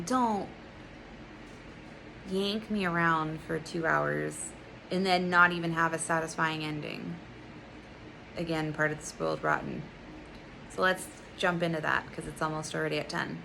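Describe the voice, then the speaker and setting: A young woman with a bright, sharp-edged voice rants through a casual movie review. She is profane and sarcastic, and there is a faint hiss behind her. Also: fairly low pitch, fairly even intonation, measured pace, creaky, low-quality recording.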